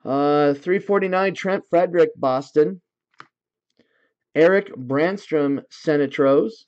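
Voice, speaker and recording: Man slowly reading hockey card pulls. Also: fairly high pitch, a little mellow, muffled recording. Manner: casual, reads card names in quick lists. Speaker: card break host. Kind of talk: livestream card break commentary.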